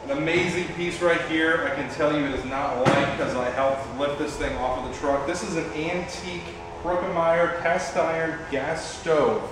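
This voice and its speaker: A young man gives an upbeat walkthrough of auction items, his voice sitting a little high. The sound bounces around a large, echoey warehouse, with faint ambient noise underneath. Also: steady tone, normal speed, hardly any pauses. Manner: upbeat item-by-item presenting. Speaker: auction host.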